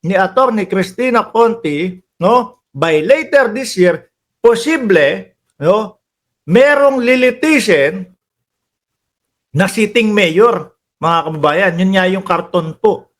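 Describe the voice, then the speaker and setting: A Filipino-accented man hosting a casual political commentary stream, chatty and quick to laugh, calling out to his viewers. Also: high voice, animated. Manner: chatty, laughs often, addresses viewers as bossing and kababayan. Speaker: political commentary livestream host.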